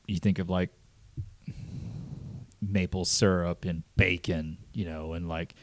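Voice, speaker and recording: Man, very low voice, dry recording, halting casual explainer. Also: steady tone, dry recording. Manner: halting, repeats words, explains at length. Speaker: podcast co-host. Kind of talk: casual chat.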